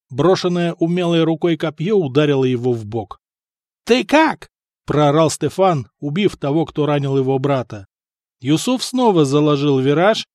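A man reading an adventure audiobook as narrator, in a lively, dramatic way. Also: fairly high pitch, no room sound, studio quality. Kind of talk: scripted narration.

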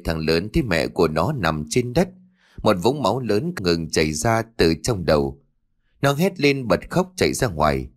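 Low, lively male horror-story narrator.

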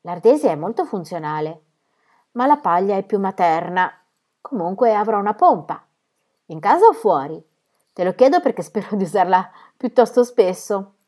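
A woman's voice: medium pitch, sing-song, moderate pace, darkish tone. A woman voicing a forty-seven-year-old spinster aunt who talks in a hesitant, pleading way. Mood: eager.

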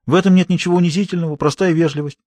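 A man's voice: a little high, steady tone, very fast, darkish tone, dry recording, pitched above the performer's own voice, natural voice. A man voicing an earnest Soviet schoolgirl activist who speaks firmly and lectures. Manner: firm, lecturing.

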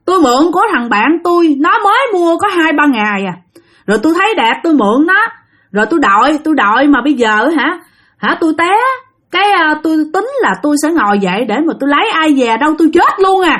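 Woman doing a frantic teen girl ghost, high, wailing, swings wildly in pitch. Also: expressive, quick pace, fairly bright tone. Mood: lamenting. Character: ghost of a sixteen-year-old girl.

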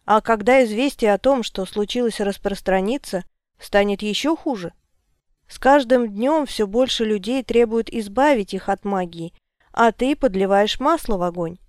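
A woman's voice: mid-range voice, moderate pace, a little mellow, no echo, clean studio sound, natural voice. A woman reading the lines of an irritable older male wizard in an audiobook, with an indignant, questioning manner. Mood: grumbling.

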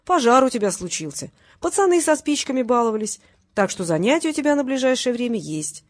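A woman's voice: on the high side, big pitch swings, a little fast, voice pushed up. A woman voicing a cocky male tough guy who threatens people in a mocking, cheerful way, in an audiobook.

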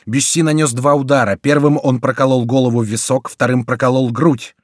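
A man narrating a historical adventure audiobook in a dramatic, measured reading. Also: mid-range voice, fairly even intonation, dry recording, studio quality. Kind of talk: scripted narration.

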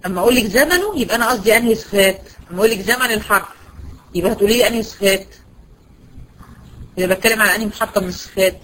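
A woman with an Egyptian accent teaching a tajweed lesson, quizzing her students and answering her own questions, and slowing down to draw out example words. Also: medium pitch, fairly bright tone, slight background noise, poor audio. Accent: Egyptian Arabic. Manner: brisk, asks students questions and answers them herself; slows to stretch out example words. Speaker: Quran recitation teacher.

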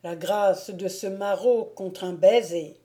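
A woman voicing a gruff male noble wolf-hunter, loud, teasing and commanding, in a storybook reading. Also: mid-range voice, slow pace, lightly acted. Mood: teasing, bluff.

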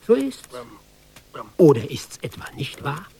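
A man's voice: a little high, big pitch swings, measured pace, gravelly, a crowd in the background, full character voice. An actor playing a hapless young army recruit, reciting his tale in ironic, sing-song rhyme for a radio play. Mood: sardonic.

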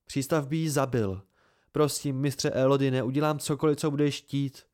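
A man's voice: a little high, animated, a little mellow, pitched above the performer's own voice, lightly acted. A man voicing an anxious young male student who pleads urgently in an amateur audiobook reading. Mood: pleading.

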